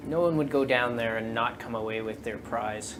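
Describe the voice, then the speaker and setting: A man voicing a commanding, menacing stranger with a slightly raspy voice, making curt, threatening demands in a tabletop game. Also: medium pitch, moderate pace, noisy background, lightly acted.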